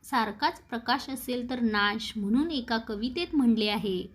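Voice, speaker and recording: A woman reading a classic novel aloud as a storyteller, steady and expressive, with a lifted voice for the dialogue. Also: a little high, unhurried.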